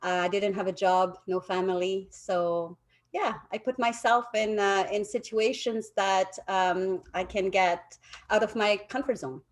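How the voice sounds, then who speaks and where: Woman, middle-aged, French accent, realtor guest; lively storyteller, mid pitch. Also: unhurried. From France. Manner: lively storytelling, quotes others animatedly. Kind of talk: casual interview.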